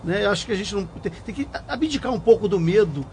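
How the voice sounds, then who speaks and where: An older man with a notably high voice speaks as a guest judge on a talk show. He reflects slowly and thoughtfully, stumbling and repeating words as he works through his ideas. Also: lively intonation, darkish tone, a little hiss or hum. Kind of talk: reflective conversation.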